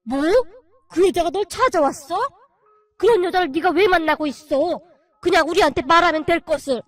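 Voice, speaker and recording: A woman voicing a stern elderly father-in-law who shouts in alarm. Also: very high-pitched, quick pace, no room sound, soft background music. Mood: shocked, angry.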